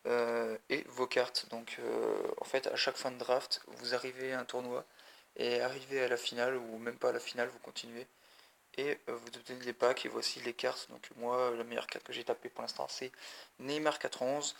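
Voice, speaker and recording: Male gaming vlogger, gravelly and bright, chatty and rambling, talks to camera. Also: medium pitch, level tone, normal speed. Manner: rambling, chatty, addresses viewers directly. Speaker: mobile gaming video creator. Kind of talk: casual gameplay commentary.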